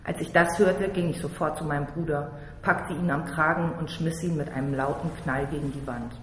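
A man from Berlin narrates a first-person story aloud, blunt, slangy, and tough-talking. His voice is a little high, steady in tone, and slightly fast. The recording carries roomy hall reverb and faint noise.

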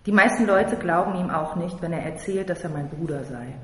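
Reading a first-person tale in a tough, slangy, blunt style, this Berlin narrator has a fairly high, somewhat bright voice and a brisk delivery. Faint noise and roomy hall reverb color the recording.

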